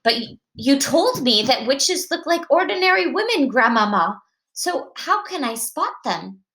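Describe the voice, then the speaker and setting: A woman's voice: high voice, very animated, unhurried, fairly bright tone, pitched above the performer's own voice, heavily acted. Woman doing an anxious little boy. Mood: pleading. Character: young orphaned boy, anxious and pleading.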